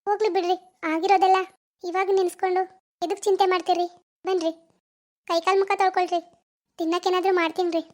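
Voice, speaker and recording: A woman voicing a gentle young village wife in a cartoon, with a North Karnataka accent and a soothing, reassuring manner. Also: very high voice, flat delivery, fast, pauses often, no echo. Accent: North Karnataka Kannada.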